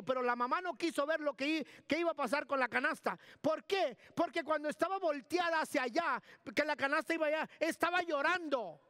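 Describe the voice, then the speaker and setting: A man's voice: very high voice, pushed and bright, no room sound, studio quality. A man pastor delivering an emphatic sermon in church, repeating key words and giving instructions to the sound booth.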